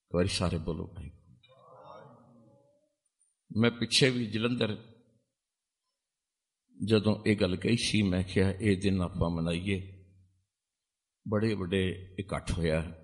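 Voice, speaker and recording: A man preaching a sermon, chanting verses and leading the crowd in call-and-response, often rising to loud, high exhortation. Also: fairly even intonation, unhurried, long pauses. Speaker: Sikh preacher. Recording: long hall reverb.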